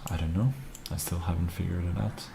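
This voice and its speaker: A man casually commenting on his own chess game as he plays, wry and relaxed. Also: sits low, a little fast, vocal fry, slight background noise.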